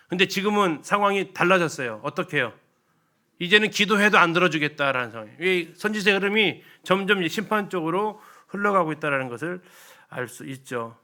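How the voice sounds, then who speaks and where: A man's voice: sits high, bright, forceful tone. A man giving a church Bible lecture, explaining in a conversational teaching manner and asking the audience frequent rhetorical questions.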